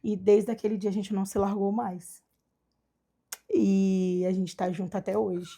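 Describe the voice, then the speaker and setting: A woman from Brazil telling her adoption story in a casual chat, animated and acting out the voices of people she quotes. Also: mid-range voice, measured pace. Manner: animated, acts out quoted dialogue. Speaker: guest, adoptive mother.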